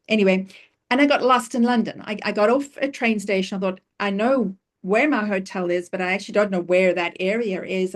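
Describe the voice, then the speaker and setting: A middle-aged woman from Africa, speaking to an audience and telling personal stories with emphatic questions. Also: medium pitch. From South Africa. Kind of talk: talk to an audience.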